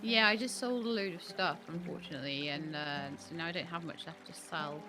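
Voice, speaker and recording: A man's voice: a little high, brisk, bright, forceful tone, faint music behind. A man chatting casually as a co-op player during a game. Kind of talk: casual chat during gameplay.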